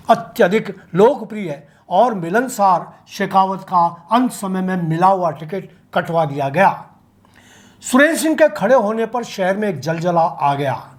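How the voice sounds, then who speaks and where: Give me a local news commentator reading a scripted, opinionated political piece. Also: mid-range voice. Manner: opinionated, reads with vivid turns of phrase.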